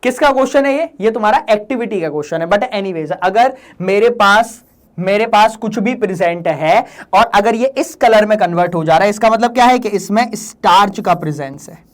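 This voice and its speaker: Man, fairly high voice, playful teacher running an exam-prep lesson, jokes and teases his students. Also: normal speed. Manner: joking, playful, teasing students. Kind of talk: exam-prep lesson in Hindi-English mix.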